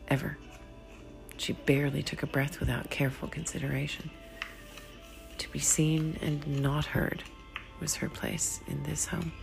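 Slow and dramatic, a woman narrates a short story she wrote herself, with clear music playing behind her. Her voice is low and gravelly, and she speaks with great deliberation, her hushed telling frequently sinking almost to a whisper.

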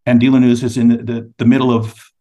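Male guest, magazine editor, mid-pitched, tells anecdotes at length. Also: little pitch movement, fast talker, mellow. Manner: anecdotal storyteller. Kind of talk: casual interview.

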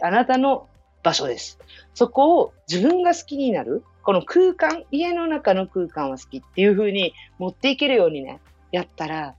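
A woman's voice: medium pitch, darkish tone, no echo. A woman hosting a casual solo show, chatting and telling stories about herself with laughter. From Okinawa. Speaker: radio show host. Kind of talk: casual solo podcast talk. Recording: dull lo-fi sound with faint music.

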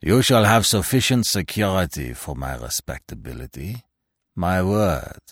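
A man's voice: low voice, animated, takes it slowly, no echo, exaggerated voice. A man voicing a dry, secretive old stranger. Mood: cold, commanding. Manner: dry, curt, commanding. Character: mysterious stern male stranger, testy and secretive. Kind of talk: audiobook reading of a classic tale.

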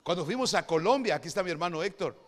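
A man from Guatemala with a Guatemalan Spanish accent, preaching a sermon and swinging between quiet asides and shouted preaching. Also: sits high, lively intonation, racing, big-room sound.

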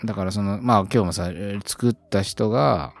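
A man's voice: lowish voice, normal speed, creaky, faint music behind. A man co-hosting a podcast, chatting casually and thinking aloud with lots of fillers. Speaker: podcast co-host. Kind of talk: casual chat.

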